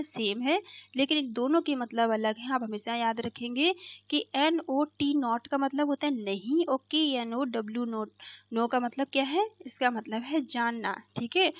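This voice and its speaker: The audio is dull, dry and lo-fi: a woman with a voice that sits high explains an English poem in Hindi. She reads each English line slowly, takes it line by line, and checks understanding with "theek hai."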